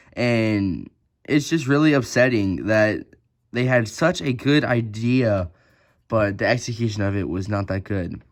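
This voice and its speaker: Guy doing a toy unboxing, casual and rambly, tons of "like", pretty nitpicky, normal pitch. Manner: chatty, lots of "like" fillers; critical, picky about flaws. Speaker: toy reviewer.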